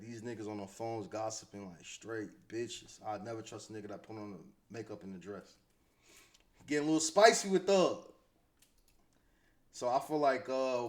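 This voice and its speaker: This host, a man with a fairly low pitch and an American accent, gives loose, improvised takes on hip-hop news. His slangy, conversational style includes frequent repetition.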